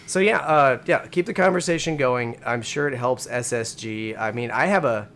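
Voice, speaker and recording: Man, flight sim co-host, casual chat, quick and rambling, faint room hum. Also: mid-range voice, a bit bright.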